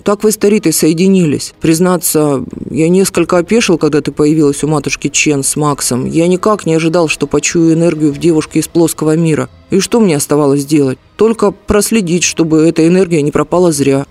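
A man voicing a calm, stern ancient golden dragon in an audiobook, measured and unhurried. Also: a little high, close to an everyday voice.

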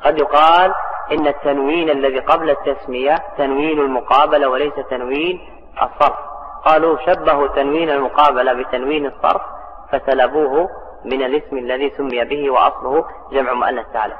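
Male grammar teacher, slow and deliberate with examples; dull recording with a long hall reverb. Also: mid-range voice, fairly even intonation. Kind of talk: classical Arabic grammar lesson.

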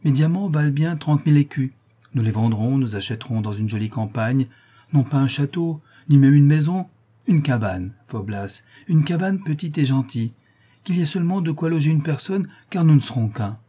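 A man voicing a young noblewoman in love, reading an audiobook of a classic novel with a soft, pleading delivery. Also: a little high, expressive, moderate pace, husky, voice pushed up. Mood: tender. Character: young noblewoman, tender and impassioned lover.

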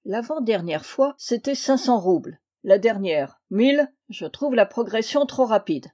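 A bored, tight-fisted old landowner who needles his nephew in a dry, gruff way, read by a woman in an audiobook. The voice stays mellow and warm, raised a little when he scolds. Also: a little high, animated, unhurried. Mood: dry teasing. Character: rich, stingy, bored older Russian landowner uncle. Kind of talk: audiobook reading.

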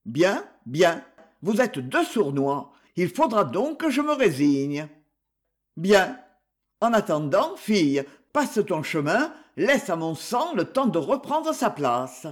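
A stout, blunt old father speaks in a deep, gruff voice, as a male reader puts him on. He talks slowly and heavily. The storybook tone stays plain and grounded. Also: very animated, exaggerated voice.

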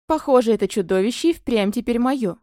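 A woman narrating a fantasy audiobook in the first person, expressive and scripted, on a close microphone. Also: a little high, fairly quick, no echo.

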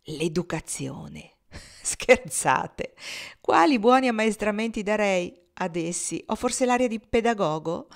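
Sardonic wealthy gentleman, mocking and amused, read by a woman. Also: medium pitch, lightly acted. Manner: mocking, laughs while talking.

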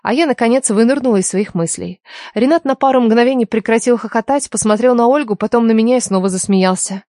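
A woman narrating a first-person novel as an audiobook, in an even storytelling read. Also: on the high side, fast, no echo, clean studio sound.

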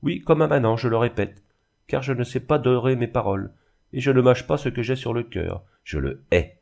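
A man's voice: mid-range voice, animated, moderate pace, vocal fry, a little mellow, pitched above the performer's own voice. A man reading a sneering, bitter young man. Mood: sarcastic. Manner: sarcastic, blunt, sneering.

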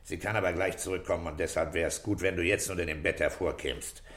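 Calm, coaxing, fatherly and shrewd, a middle-aged police inspector speaks in a German radio drama, played by an actor. He sits low in pitch and talks fast.

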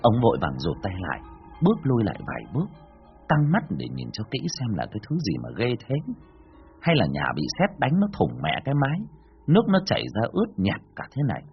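A man narrating a ghost story in a dramatic, animated storytelling manner. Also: mid-range voice, brisk, vocal fry, muffled recording, faint music behind.

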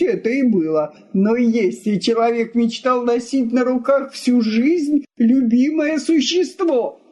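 Exasperated, blustering husband, slow and lively, voiced by a woman reader. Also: fairly high pitch, voice pushed up. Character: exasperated quarrelsome middle-aged husband.

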